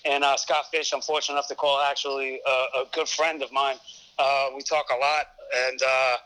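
A man's voice: mid-range voice, little pitch movement, moderate pace, pushed and bright, smooth, poor audio. A man from Brooklyn with a thick Brooklyn accent, answering conversationally as a guest on a podcast. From Brooklyn, New York. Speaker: podcast guest, fantasy sports show host.

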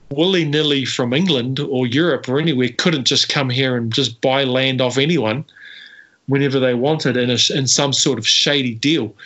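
Casual New storyteller man. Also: medium pitch. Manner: casual, animated storyteller with many fillers. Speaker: historian guest. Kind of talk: storytelling interview answer. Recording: slightly muffled audio.

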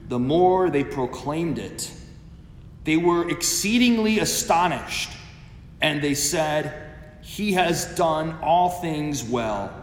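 A man, a priest, reading the Gospel and preaching at Mass in an unhurried, measured way, his voice carried by a cathedral echo. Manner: slow, measured delivery. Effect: cathedral echo with long reverb. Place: large church. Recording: echoey church hall, faint rumble.

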